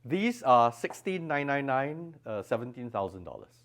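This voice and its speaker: At an audio show's exhibition room, a man working as a designer demonstrates products during an interview, explaining the technical details with emphasis. His voice is medium-pitched and a bit bright, very animated, at a normal speed.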